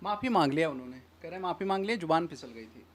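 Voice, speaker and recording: A woman's voice: sits low, animated, racing. A woman reporter putting probing, matter-of-fact questions to a politician. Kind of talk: news interview questions.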